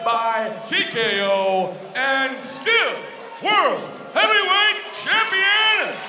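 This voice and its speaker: A man working as a ring announcer, declaring a winner in a booming, pumped-up voice with drawn-out shouts over an echoey arena PA. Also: big pitch swings, far from the mic. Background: crowd and music.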